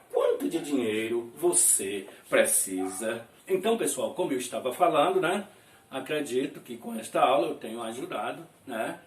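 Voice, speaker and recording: A man teaching an English lesson in a casual style. He keeps adding little check-in questions and says each example sentence slowly and carefully. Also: medium pitch. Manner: lively, repeats tag questions like "né?" and "viu?". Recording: echoey room, voice from a distance.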